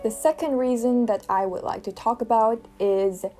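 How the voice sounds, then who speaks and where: A woman's voice: on the high side, moderate pace, warm tone, low-quality recording. A young woman in her twenties telling a personal story to camera in an earnest, reflective, conversational way. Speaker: vlogger. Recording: music playing behind the voice.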